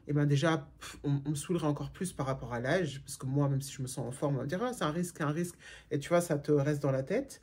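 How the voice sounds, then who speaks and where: Her voice is deep and darkish with a breathy edge. She's a middle-aged woman from Germany, a vlogger responding to viewer questions in a frank, casual chat, often using fillers and starting over.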